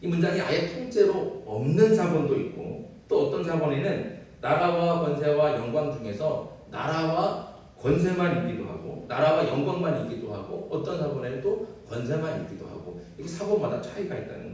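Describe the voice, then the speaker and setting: Korean pastor preaching in an echoey church. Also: male voice, fairly high pitch, a little mellow. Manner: asks the congregation questions and answers them himself. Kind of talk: expository sermon. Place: church sanctuary. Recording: very echoey church sanctuary, distant mic.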